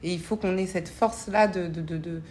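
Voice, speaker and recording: A parliamentary assistant and association founder raised between French and Congolese cultures answers an interview thoughtfully, earnest and searching, with frequent repeated words. Her voice is lowish and darkish, brisk, with fairly even intonation, and slight background noise can be heard.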